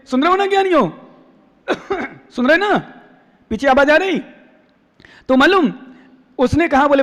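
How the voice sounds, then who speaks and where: A man, a Jain monk, giving a sermon full of folk stories, acting out the characters and often asking his listeners questions. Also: very high voice. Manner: animated storyteller acting out characters, asks the audience questions. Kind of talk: sermon with storytelling. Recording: long hall reverb.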